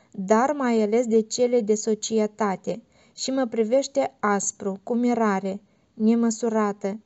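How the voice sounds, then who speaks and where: Mellow-voiced woman reading a novel. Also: fairly high pitch, lo-fi sound. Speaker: audiobook reader. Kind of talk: audiobook narration of literary fiction.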